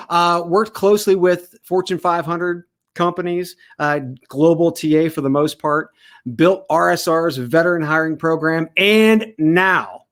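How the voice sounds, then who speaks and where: Hosting an online panel, a man from the United States keeps things casual and joking, with a fairly bright tone and a voice slightly higher than typical for a man. His speech is loose and energetic, a grin often audible.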